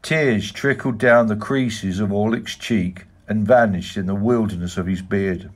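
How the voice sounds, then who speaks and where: A man reading a literary novel aloud in a measured, even manner. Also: on the low side. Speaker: audiobook reader. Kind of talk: scripted narration.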